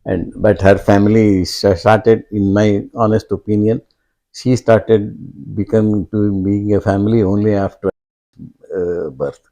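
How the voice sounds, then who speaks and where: An older man, speaking slowly and reflectively as an interview guest, pausing often and restarting his sentences. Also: on the low side, level tone, mellow. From India. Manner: halting and reflective, many fillers and restarts. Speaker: guest, father of host. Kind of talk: conversational interview.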